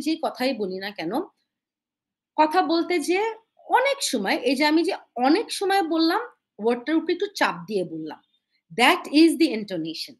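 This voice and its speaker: A woman teaching an IELTS speaking webinar. She mixes with English phrases and slows down to read the English points aloud. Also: sits high. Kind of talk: live webinar lesson. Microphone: webinar microphone.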